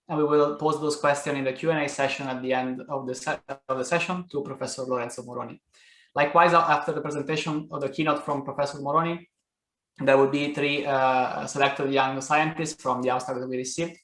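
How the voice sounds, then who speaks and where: A man's voice: a little high, fairly bright tone, reverberant. A man hosting a webinar session, going through housekeeping and introducing the keynote, with frequent uhs. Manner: frequent uh fillers, polite. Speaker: session host.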